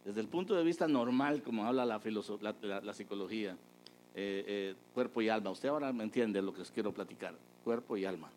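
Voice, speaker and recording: A man preaching a testimony, telling a story with lively energy and acting out the people he quotes. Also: lowish voice, a little fast, a little hiss or hum, rough recording. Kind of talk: sermon testimony.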